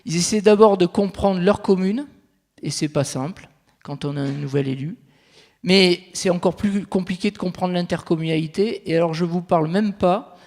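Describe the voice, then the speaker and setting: A territorial consultant lays out his points step by step in an explanatory conference talk, his voice sitting high and a little mellow. The large venue is reverberant, and the recording carries the long, echoey reverb of the hall.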